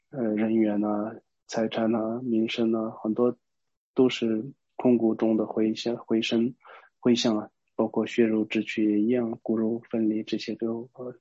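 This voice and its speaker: A man gives a Buddhist dharma talk, explaining a verse in a halting, unhurried way with frequent pauses and restarts. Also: on the low side, mellow, husky, dry recording. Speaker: Buddhist teacher. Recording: dull, lo-fi dry recording.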